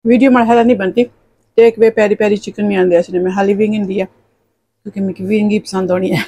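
A woman's voice: medium pitch, fairly even intonation, fast, dark tone. A Pakistani woman chatting casually and expressively as she vlogs about her day in a homely way. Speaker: vlogger. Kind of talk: casual vlog chat. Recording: noisy phone vlog with vehicle sounds.

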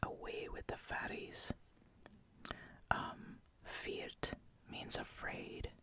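Slang gets a soft explanation from an ASMR host whose breathy whisper stays unvoiced, broken by hesitant pauses and repeated words.

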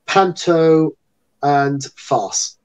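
A man's voice: on the high side, very slow, smooth, low-quality recording. A man entertainer chatting as an interview guest, a rambling, talkative storyteller. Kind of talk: casual interview chat.

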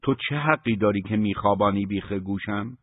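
A man's voice: lowish voice, dry recording. A man voicing a resentful, touchy shopkeeper brother who talks indignantly and defensively. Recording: thin phone-like dry recording.

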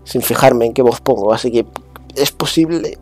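A man from muses aloud, full of restarts and little fillers. He drifts between a hushed murmur and a brighter, livelier tone. Faint music plays underneath. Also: mid-range voice, moderate pace, slightly rough. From Spain. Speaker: vlogger. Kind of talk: rambling casual monologue.

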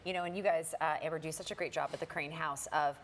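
A woman's voice: sits low, fairly even intonation, quick pace, a little hiss or hum. A middle-aged woman hosting a local TV studio interview, upbeat and steering her guests with questions. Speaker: TV morning show host. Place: TV studio kitchen set.

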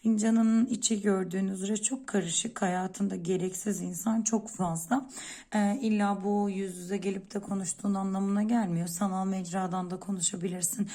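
A woman's voice: mid-range voice, steady tone, moderate pace, mellow. A woman speaking as a coffee-cup fortune teller, giving unscripted predictions and advice directly to one listener in a searching way.

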